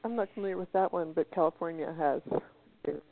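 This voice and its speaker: A woman in a conference call speaking in quick, clipped remarks while her connection keeps breaking up. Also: on the low side. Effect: call participant with a breaking-up connection. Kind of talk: casual discussion. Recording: thin phone-like call audio.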